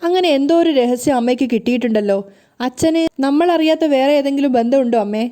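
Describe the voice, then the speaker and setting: Woman voicing a caring, inquisitive young daughter, high-pitched. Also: fast talker, warm tone, close to an everyday voice.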